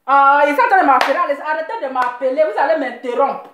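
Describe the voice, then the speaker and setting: A woman's voice: sits high, expressive, fast, roomy sound, background noise. A woman hosting a live show, teasing and mocking in a sing-song voice, repeating her phrases.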